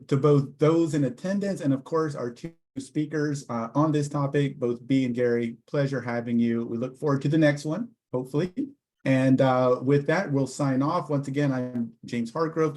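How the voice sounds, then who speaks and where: A man moderates a webinar over a video call in an easygoing manner. His voice sits at a middle pitch as he handles questions and closes the session. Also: normal speed, a little mellow. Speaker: host, communication director.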